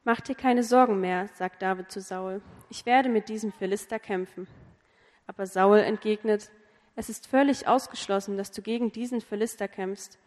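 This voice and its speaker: A woman reading a Bible passage aloud in a clear, measured way. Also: medium pitch, steady tone, a little mellow. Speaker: scripture reader. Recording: long reverb of a hall.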